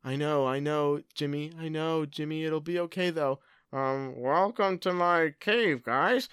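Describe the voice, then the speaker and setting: A man voicing a calm captured smoke boy, soft and steady. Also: a little high, measured pace, clean tone, no room sound, clean studio sound. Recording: guitar playing behind.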